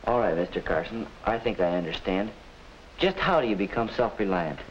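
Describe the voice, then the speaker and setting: A man's voice: on the low side, expressive, brisk, close to an everyday voice. A man acting as an earnest, polite young student in a 1950s educational film, thinking things through aloud. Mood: questioning. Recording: crackly old 1950s film soundtrack.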